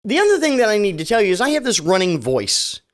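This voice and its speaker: A middle-aged man hosts a casual solo podcast, rambling sarcastically with lots of restarts. His voice is slightly high for a man, swooping wildly in pitch, and he talks at a quick pace.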